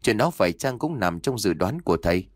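A man's voice: fairly low pitch, big pitch swings, brisk, no echo, clean studio sound. A man voicing an eager young disciple. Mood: curious.

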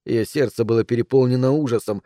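A man reading a novel aloud in a calm, measured way. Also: medium pitch, dry recording, clean studio sound. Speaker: audiobook narrator.

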